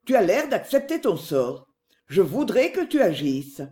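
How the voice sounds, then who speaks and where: Narrator playing a wheedling middle-aged man, insistent, falsely tender, pitch rising and falling. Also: sing-song, measured pace, warm tone.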